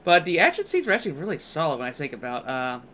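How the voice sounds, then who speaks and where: A man's voice: on the high side, wildly swooping pitch, fast, a bit bright, a little hiss or hum. A man on a casual podcast, rambling with many fillers and restarts. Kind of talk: casual chat.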